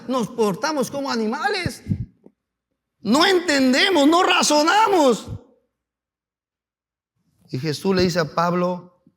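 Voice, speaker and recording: A male pastor preaching a sermon to his congregation, asking them rhetorical questions and building up to fervent, shouted climaxes. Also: high voice. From Peru.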